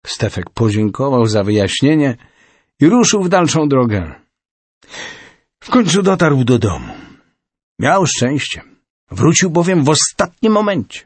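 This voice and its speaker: A man narrating a storybook in an expressive reading style. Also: medium pitch, unhurried, pauses often, slightly rough, dry recording.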